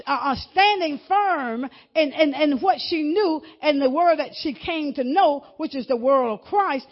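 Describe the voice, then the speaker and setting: A woman preacher delivering a booming, exhortative, impassioned sermon in a husky voice, repeating phrases for emphasis. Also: dull audio. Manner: repeats key phrases for emphasis, rhetorical questions.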